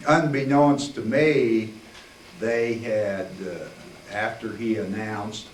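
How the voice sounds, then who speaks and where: An older man recounting his memories in a rambling public talk, full of fillers and throat clearing, heard from a distance in a library meeting room. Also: fairly low pitch, fairly even intonation, drawn-out words. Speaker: guest speaker, attorney. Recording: roomy, distant, faint hiss.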